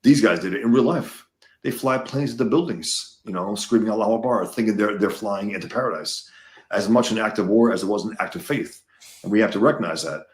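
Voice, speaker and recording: A man's voice: lowish voice, fairly quick, roomy sound. A man from the United States, a guest in a casual conversation, talking emphatically and repeating words as he gets worked up.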